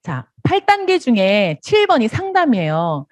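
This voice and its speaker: A woman's voice: fairly high pitch, huge pitch swings, unhurried, no echo. A woman giving a motivational business seminar, acting out little dialogues and laughing often.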